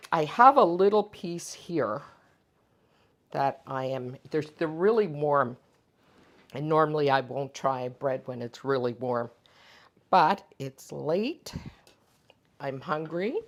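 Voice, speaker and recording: Low-voiced woman chatting while baking. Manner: chatty, relaxed, thinks aloud with fillers; tastes food while talking. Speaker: home baking channel host. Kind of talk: casual cooking vlog.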